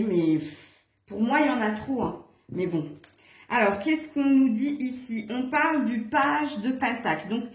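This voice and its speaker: A woman's voice: a little high, a little mellow. A woman giving a casual tarot reading to her viewers, chatty and hesitant, with many fillers. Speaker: tarot reader. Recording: echoey room.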